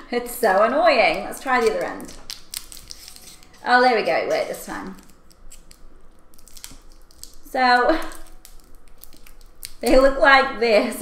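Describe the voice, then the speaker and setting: A young woman chatting casually to camera as she tastes and eats candy, with expressive, exclaiming reactions. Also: a little high. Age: young adult. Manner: talking while eating candy and snacks. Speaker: video host. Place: small furnished room at home, indoors. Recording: echoey room, clear background noise.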